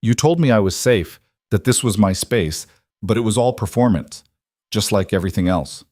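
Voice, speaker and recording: Guy doing a hurt young bride, sharp and accusing, storybook voice, very dry close sound. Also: lowish voice, expressive, moderate pace, no echo, lightly acted. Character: young woman, wary bride, hurt and angry.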